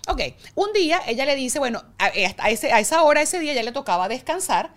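A woman who works as a therapist, a guest on the show, telling client stories in an animated way and acting out what people said. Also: sits high, a little fast. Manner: animated storyteller, acts out clients. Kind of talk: conversational interview.

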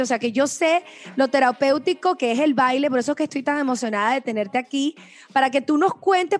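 Eager high-voiced woman podcast host. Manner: enthusiastic, curious questioning. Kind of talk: conversational interview.

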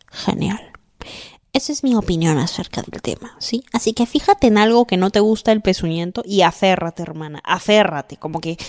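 Chatty young woman podcaster. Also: medium pitch. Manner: chatty and affectionate, often checks in with the listener. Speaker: podcast host. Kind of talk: casual advice chat.

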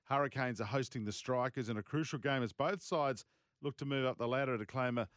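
A man's voice: mid-range voice, a little fast, a bit bright, no echo, studio quality. A man with an Australian accent hosting casual sports talk. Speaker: sports radio host.

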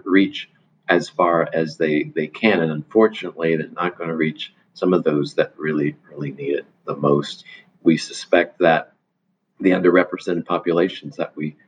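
A man answering interview questions in a measured way, often restarting his sentences. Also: sits low, slight background noise. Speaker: guest, foundation leader. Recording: dull lo-fi audio.

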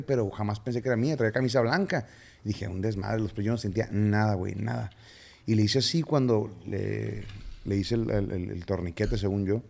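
A man with a Mexican accent, a podcast guest telling his story in casual slang with halting fillers. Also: fairly low pitch, gravelly, a little mellow.

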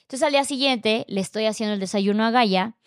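A young Mexican woman with a Mexican Spanish accent, telling a personal story in casual, animated conversation and acting out what others said. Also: a little high, fast talker, clear, resonant tone, no room sound, studio quality. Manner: animated, acts out quoted voices, lots of fillers. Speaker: podcast guest telling her story.

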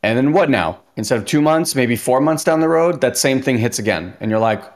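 A man's voice: medium pitch, expressive, brisk. A man hosting a podcast in casual talk, chatty, saying "like" often and acting out little quotes. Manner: chatty, says "like" a lot, acts out quotes. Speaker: podcast host.

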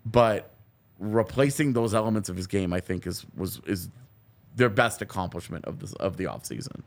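A man with a fairly low voice gives casual sports analysis on a podcast. He builds his argument conversationally, leaning on repeated phrases for emphasis. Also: lively intonation, normal speed, gravelly.

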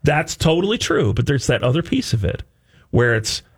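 A man's voice: on the high side, sing-song, normal speed, husky. A man talking casually and conversationally on a radio talk show.

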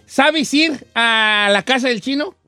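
A man's voice: very high voice, takes it slowly, dry recording, soft background music. A man with a western Mexican accent hosting a casual radio chat, acting out quoted dialogue as he tells stories. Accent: Mexican, western (Michoacán area). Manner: animated storyteller, acts out quoted dialogue. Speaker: radio host.

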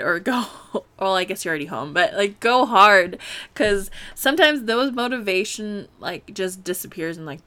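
An American woman in her late twenties hosts a casual solo podcast in a medium-pitched, fairly bright voice. She rambles with plenty of fillers, swears freely, and laughs often.

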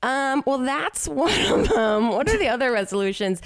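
Young woman, smooth clear voice, dry close sound, casual podcast chat. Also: high-pitched, big pitch swings, normal speed, dry recording. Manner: chatty, lots of likes and ums. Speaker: podcast co-host.

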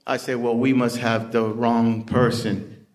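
A man tells his recovery story at an easy, unhurried pace. His voice sits at an ordinary middle pitch, and he talks loosely, with lots of "you know," as he acts out the lines of the people he met. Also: level tone, darkish tone. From Puerto Rican heritage. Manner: conversational storytelling with frequent "you know" and acted-out quotes. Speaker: recovery speaker. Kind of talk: storytelling share at a recovery meeting.

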